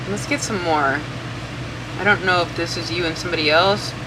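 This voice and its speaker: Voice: medium pitch, a little fast. An informal tarot reader who rambles and thinks aloud, swearing casually, with a fan running in the room. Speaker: tarot reader, channel host. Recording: steady fan noise throughout.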